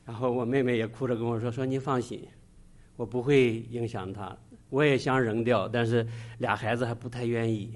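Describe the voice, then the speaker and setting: A middle-aged man delivers a church sermon woven with personal testimony. His pitch sits in the ordinary middle range for a man, and he speaks earnestly, pausing and restarting often mid-sentence. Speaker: church preacher.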